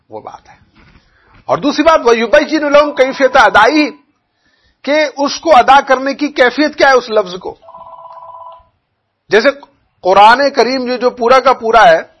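A man's voice: sits high, fairly bright tone, breathy edge, muffled recording. A man teaching a religious lesson on Quran recitation, explaining with everyday examples and often asking if listeners understood.

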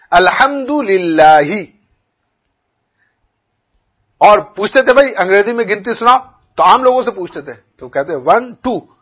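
A man's voice: high voice, fairly bright tone, slightly rough. A man teaching a religious lesson on Quran recitation, explaining with everyday examples and often asking if listeners understood.

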